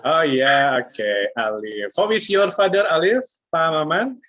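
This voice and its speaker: A man's voice: a little high, sing-song, measured pace, a bit bright, rough recording. A man with an Indonesian accent, a lecturer calling on students over a video call, chatty and switching languages. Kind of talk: online class roll call.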